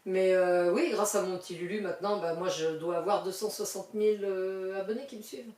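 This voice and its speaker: An older woman from the countryside talks at an everyday pitch in a loose, rambling way, full of fillers and laughing asides. Her voice sounds roomy and sits back from the mic. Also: steady tone, a little fast, recorded from a distance, crowd noise. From western France countryside. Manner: chatty, lots of fillers, warm laughing asides. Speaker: interview guest. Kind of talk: casual interview chat.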